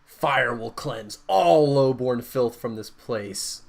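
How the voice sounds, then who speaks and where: A man voicing a fanatical old grandfather who despises commoners, in a slow, menacing manner. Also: mid-range voice, animated, vocal fry, full character voice.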